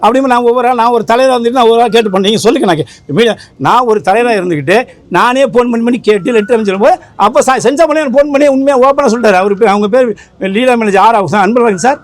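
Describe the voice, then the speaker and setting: A man who leads a film association, talking fast and with emphasis at a press interview, rambling and repeating himself. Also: extremely high pitch.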